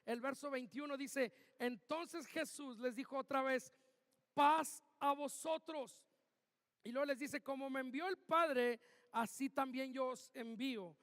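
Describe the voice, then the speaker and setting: A pastor with a very high voice preaches, jumping into loud, emphatic bursts when he acts out quoted lines. His voice rings through a church hall with a long, echoing tail. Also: moderate pace. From Mexico. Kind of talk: sermon.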